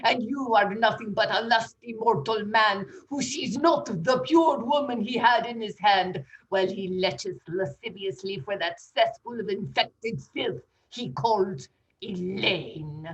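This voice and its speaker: A woman voicing a grandiose female high priestess who hurls curses in theatrical, booming proclamations during an improvised comedy scene. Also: a little slow, close to an everyday voice, rough recording. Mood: grandly menacing.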